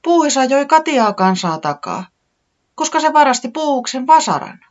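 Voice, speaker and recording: Casting: fretful little sick chick, high and wavering, as a reader puts it on; muffled recording. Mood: excited. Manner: high, excited and complaining. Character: small sick worried chick, easily upset.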